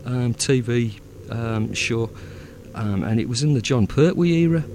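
This Northern English man, a fan audio drama producer, talks in a casual chat at a measured pace, his medium-pitched voice expressive and darkish in tone. He rambles, restarting often and using many fillers, laughing easily, with a bit of hiss or hum in the recording.

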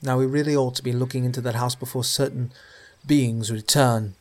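A man playing a courteous, dry young gentleman in a period audio drama, formal in manner. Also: medium pitch, fairly even intonation, a little fast, natural voice. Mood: dry, impatient.

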